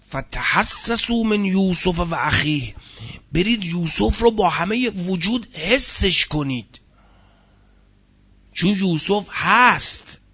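A male Quran teacher with a high-pitched, slightly bright, breathy voice lectures on the meanings of Quranic words, on a muffled recording. He explains each term, stresses key words, and poses rhetorical questions to listeners.

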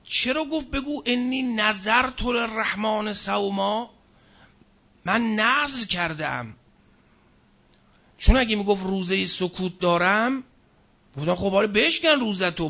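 A man preaching a scripture lecture. He recites verses slowly, then explains them in plain speech and asks the audience questions that he answers himself. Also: sits high, lively intonation, pushed and bright, husky, highs cut off. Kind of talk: Quranic exegesis lecture.

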